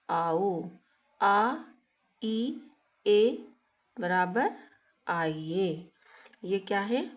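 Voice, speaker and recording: A woman teaching a grammar lesson to schoolchildren, asking questions and answering them herself, drawing out sounds as she goes. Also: mid-range voice.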